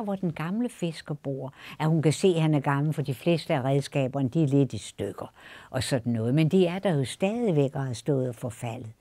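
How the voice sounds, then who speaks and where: An older woman telling a folk tale aloud, hushed and slow, repeating phrases for rhythm. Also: low voice, no room sound. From Denmark. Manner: slow, hushed storytelling with repetitions. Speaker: storyteller. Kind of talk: oral storytelling.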